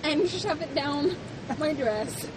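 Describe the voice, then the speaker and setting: Woman narrating her moves over loud noise. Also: lively intonation, slow pace, distant mic. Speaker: tabletop game player. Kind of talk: casual narration of own character's actions. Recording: loud rumbling background noise.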